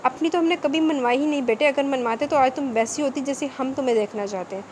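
A woman's voice: high voice, fast talker, a little hiss or hum, natural voice. A woman voicing a doting but stern middle-aged father who lays down the law to his daughter. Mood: fatherly.

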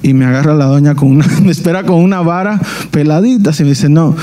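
A man, preaching a sermon in a church, earnest and halting, often restarting his phrases. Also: on the high side, mellow. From Dominican Republic. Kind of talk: sermon with personal testimony.

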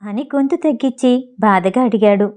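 Female audiobook narrator, slightly high, warm mellow voice, plain storytelling read. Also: normal speed. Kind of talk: reading a novel aloud.

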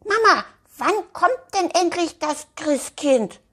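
A woman voicing Elfie, an eager little girl dressed as an angel, with high childlike squeals in a storybook reading. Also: big pitch swings, unhurried, heavily acted.

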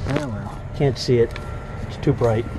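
A man working as a truck driver, narrating a casual vlog and muttering quietly to himself as he works in his truck cab. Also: mid-range voice, unhurried. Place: truck terminal lot at night, then inside a truck cab. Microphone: handheld phone camera. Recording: phone recording with engine and yard noise.

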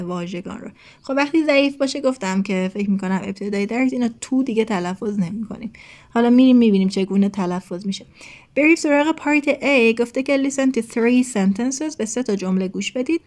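With a mid-range, slightly mellow voice, an Iranian woman gives an online English lesson. Her explanations are patient and full of fillers, she mixes in English phrases, and she clears her throat as hoarseness creeps in.

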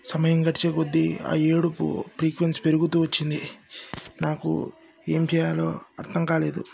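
A man narrating a first-person horror story in a steady, suspenseful manner. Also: on the high side, moderate pace, creaky.

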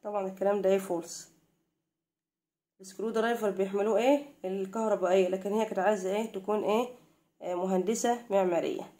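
A young woman with an Egyptian Arabic accent teaches English to primary-school pupils, reading the text slowly, translating it and asking question after question. Her voice is medium-pitched, steady and mellow.

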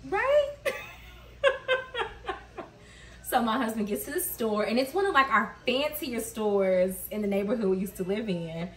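Cooking dinner in her echoey home kitchen, a mom vlogger in her thirties tells her viewers a story and laughs often, caught by a camera mic across the room. Her fairly high voice swings widely in pitch at a moderate pace.

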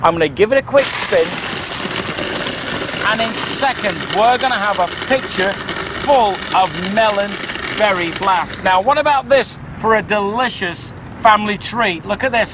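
A man's voice: sits high, lively intonation, normal speed, background noise. A man presenting an upbeat infomercial product demonstration outdoors, talking through each step.

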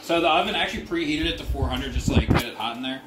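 A man's voice: medium pitch, expressive, racing. A young man casually walking through a recipe in his home kitchen, plain-spoken and full of fillers. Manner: laid-back, plain-spoken, filler-heavy. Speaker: home cook. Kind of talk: casual cooking demonstration. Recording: noisy home kitchen with sizzling.

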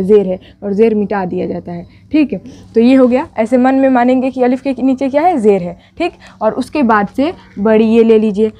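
A woman's voice: a little high, dark tone, muffled recording. A young woman, teaching an online language lesson, patiently repeating each step and asking rhetorical questions. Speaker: Urdu teacher.

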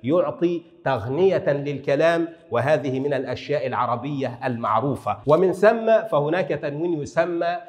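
Delivering a classroom-style grammar lecture in a hall with long, echoing reverb, an Arabic language lecturer speaks with a fairly high, animated, darkish voice. He explains patiently, recites verse slowly, and mixes formal Arabic with Egyptian colloquial asides.

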